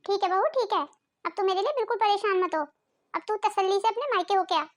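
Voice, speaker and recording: A woman voicing a fair-minded, gentle mother-in-law in a family cartoon, talking patiently. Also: extremely high pitch, quick pace. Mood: kindly.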